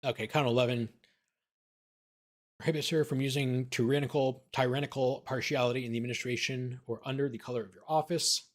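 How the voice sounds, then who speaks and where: Lawyer reading filings aloud on a stream. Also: male voice, mid-range voice, steady tone, fairly quick. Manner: reads out documents, then comments casually. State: losing his voice. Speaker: attorney and livestream host. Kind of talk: informal livestream commentary.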